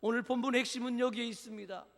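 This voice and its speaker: A man preaching a sermon as pastor, dramatic, swinging from loud declarations to hushed near-whispers. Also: very high-pitched, steady tone, quick pace, vocal fry. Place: church sanctuary. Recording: church hall with long reverb.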